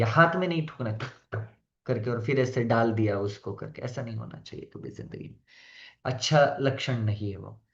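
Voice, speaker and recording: A man gives a devotional etiquette class in a fairly high voice. He teaches in a conversational way and often mixes in English phrases. The sound is roomy and a little dull and lo-fi. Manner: gentle humor, acts out quoted people.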